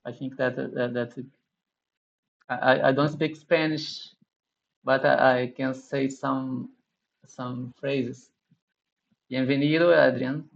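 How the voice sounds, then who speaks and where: A man runs an online class over a video call, his voice slow and gravelly. He speaks English, restarting his sentences often. The call audio sounds muffled. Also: medium pitch, little pitch movement. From Brazil. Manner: halting, many restarts and thank-yous. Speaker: instructor hosting a live class Q&A. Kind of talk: casual online class chat.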